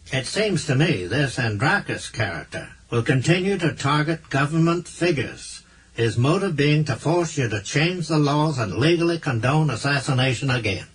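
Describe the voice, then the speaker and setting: A man voicing a self-assured, persuasive male human diplomat in an audiobook, with a husky voice and a slightly patronizing manner. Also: fairly high pitch, voice pushed up, exaggerated voice.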